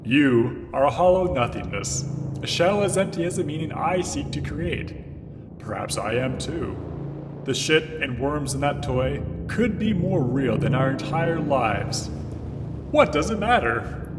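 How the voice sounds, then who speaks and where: Comedy sketch: male actor as unearthly bodiless creator, brooding and existential, lively pitch swings, long reverb over music. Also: unhurried.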